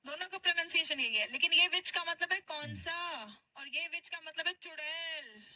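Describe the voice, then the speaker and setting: A woman teaching spoken English, patiently drilling short phrases and repeating them slowly. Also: very high-pitched, bright, forceful tone, poor audio. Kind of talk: spoken English class for Hindi speakers.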